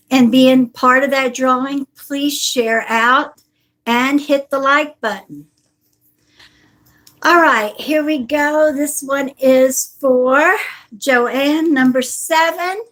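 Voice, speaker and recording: Taking her time, a psychic with a high, fairly bright voice says hello to live-stream viewers individually, using terms like honey and sweetheart. A cold leaves her a bit stuffy, and a device on a table serves as her microphone.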